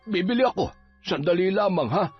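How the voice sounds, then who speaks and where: A man plays a nagging, joking village healer, his husky voice pitched a little high. The mix is dull and lo-fi, with faint music behind. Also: animated, a little fast, heavily acted. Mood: teasing. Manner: gruff, nagging, comic. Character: grumbling, teasing middle-aged male village folk healer. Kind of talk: Filipino audio drama acting.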